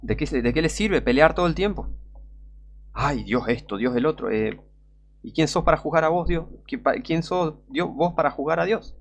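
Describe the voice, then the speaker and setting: A man's voice: on the high side, a little fast. A man with a Rioplatense Spanish accent preaching a fervent, scornful sermon full of rhetorical questions. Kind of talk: impassioned street-style sermon.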